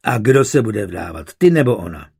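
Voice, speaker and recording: A man voicing an outspoken, sharp-tongued middle-aged mother in a storybook reading. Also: on the low side, huge pitch swings, breathy edge, no room sound, studio quality, exaggerated voice. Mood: scolding.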